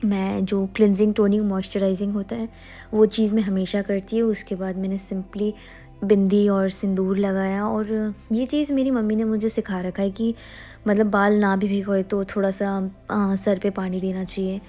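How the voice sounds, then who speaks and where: A young woman narrates her daily routine as a casual vlog voice-over, chatty and full of fillers and restarts. Her voice is mellow and fairly even in pitch. Soft music plays faintly behind her. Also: normal speed. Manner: chatty, with frequent fillers and self-corrections. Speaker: vlogger.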